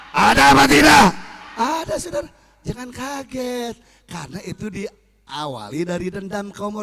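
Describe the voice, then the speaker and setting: A man preaching a fiery sermon, shouting rhetorical questions at his listeners and repeating phrases for emphasis. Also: high-pitched. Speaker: Islamic preacher.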